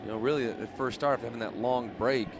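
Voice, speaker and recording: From an outdoor ballpark broadcast booth, a man provides conversational color commentary and analysis on live baseball radio, loud stadium noise behind him. His mid-range voice is steady and quick.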